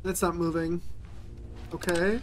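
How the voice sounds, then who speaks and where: A woman casually commenting while playing a video game, chatty and quick to react out loud. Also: on the low side, flat delivery, slight background noise. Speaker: gaming YouTuber. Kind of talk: casual let's-play commentary.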